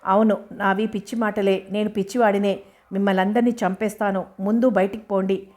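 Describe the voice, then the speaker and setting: A woman's voice: medium pitch, level tone, brisk, natural voice. A woman voicing an angry confused young man. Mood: hostile, shouting. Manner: shouting accusations. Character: agitated young man, hostile, confused after head injury.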